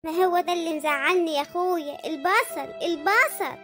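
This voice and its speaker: A woman's voice: very high-pitched, brisk, fairly bright tone, faint music behind. A woman voicing a chatty, fretful middle-aged housewife with an Egyptian accent in a comic cartoon, nagging and dramatic. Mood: fretting. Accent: Egyptian Arabic.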